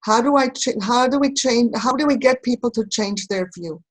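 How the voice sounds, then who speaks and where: A woman from Israel speaking reflectively in a recorded conversation, pausing and searching for her words. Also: fairly high pitch, low-quality recording. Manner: thoughtful, halting, searching for words. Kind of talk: reflective talk.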